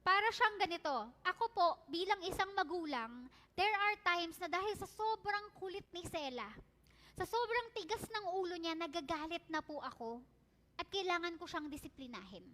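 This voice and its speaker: A Filipino woman preaches in a very high, bright, forceful voice. She is animated and acts out little scenes as she teaches. Her voice carries a long reverb, as in a church hall. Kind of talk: sermon mixing Tagalog and English.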